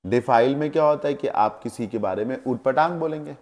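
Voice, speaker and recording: A man's voice: mid-range voice, a little fast, darkish tone. Indian man teaching English vocabulary. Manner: explains word meanings with Hindi glosses, asks checking questions. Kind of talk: classroom vocabulary lesson.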